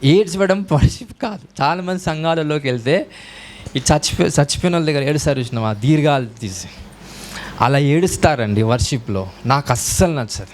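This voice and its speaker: A man preaching a sermon as a pastor, breaking into raised shouts of hallelujah. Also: fairly high pitch, animated, brisk, slight background noise. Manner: preaching in Telugu mixed with English, with rising shouts of hallelujah.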